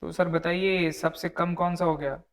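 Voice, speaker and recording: With a flat delivery and a measured pace, a young tax tutor whose voice sits a little high works through a problem for an online class. He stays conversational, repeating every figure and addressing students as "sir."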